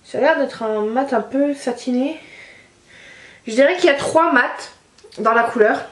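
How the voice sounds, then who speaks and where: Woman, casual beauty review, fairly high voice, lots of fillers, echoey room. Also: normal speed, fairly bright tone. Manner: chatty, lots of hesitations. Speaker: beauty vlogger.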